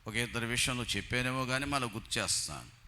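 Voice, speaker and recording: Man preaching in a very bright, forceful voice. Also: medium pitch, animated, fast talker, slight background noise. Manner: tells anecdotes, acting out the quoted people. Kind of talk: sermon. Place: church.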